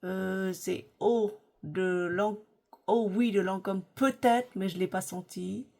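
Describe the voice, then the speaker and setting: Woman vlogger, middle-aged, unhurried delivery, chatty and hesitant, full of fillers. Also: mid-range voice, steady tone, vocal fry, darkish tone. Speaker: lifestyle vlogger. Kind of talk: casual chat about perfumes.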